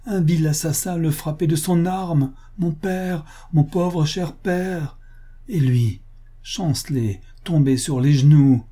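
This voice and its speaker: A man's voice: slow, mellow. A man doing a grief-stricken young bride. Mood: horrified. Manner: sobbing, breathless outbursts, rising pitch in grief. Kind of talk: audiobook reading of a pulp novel.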